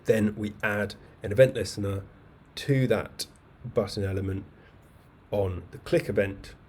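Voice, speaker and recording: A man teaching a live online coding class, explaining step by step in a relaxed, chatty way with asides and fillers. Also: fairly low pitch, a little slow. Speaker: coding bootcamp instructor. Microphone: webcam video call mic. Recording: faint background noise.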